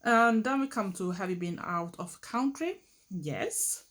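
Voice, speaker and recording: A middle-aged woman from Sweden with a Swedish accent, talking through a get-to-know-me video in a thoughtful, unhurried way with fillers and restarts. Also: medium pitch, lively intonation, fairly bright tone. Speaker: vlogger. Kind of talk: get-to-know-me tag monologue.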